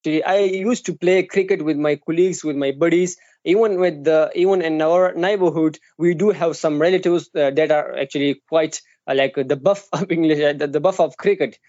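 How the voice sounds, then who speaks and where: A young man with a slightly high voice talks as a podcast guest, stopping often to hunt for words. The recording is dull and dry, with no room at all. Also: fairly even intonation, moderate pace, few pauses, darkish tone, dry recording. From Pakistan. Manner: hesitant, frequent fillers and restarts. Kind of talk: casual self-introduction.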